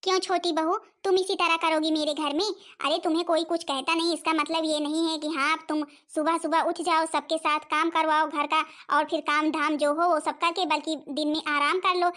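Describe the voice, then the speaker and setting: A woman's voice: sits high, flat delivery, brisk, few pauses, fairly bright tone. A woman playing a scolding, nagging village mother-in-law and elder sister-in-law in a family skit.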